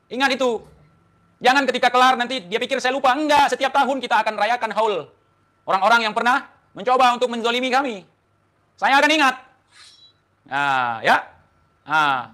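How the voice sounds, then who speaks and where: A man's voice: sits high, bright, forceful tone. A man hosting an online talk show, delivering a defiant, taunting monologue to the camera full of rhetorical questions. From Indonesia.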